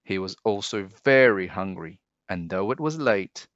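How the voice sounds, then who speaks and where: A man reading a children's storybook aloud in an expressive, dramatic way. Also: sits low, measured pace, dry recording, dull audio.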